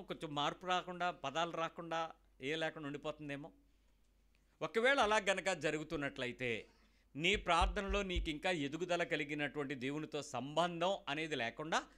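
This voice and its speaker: A man delivers a sermon in a bright voice pitched somewhat high. He keeps asking his listeners pointed questions. Now and then he acts out short exchanges between people. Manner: asks the congregation many direct questions. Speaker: preacher. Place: church hall with children present.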